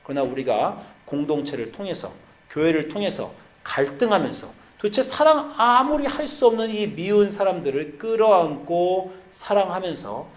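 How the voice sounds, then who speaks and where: A man in his forties preaching from the pulpit with a lively, swooping delivery that rises and falls constantly. His voice sits a little high for a man. He tells a family story and acts out its voices, including his own shouting. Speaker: pastor. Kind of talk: sermon.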